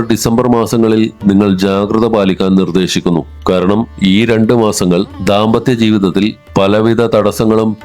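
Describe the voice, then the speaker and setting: A man with a low voice narrates a horoscope from a script. His reading is even and formal, and soft music plays under it. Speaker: astrology narrator. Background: soft instrumental music.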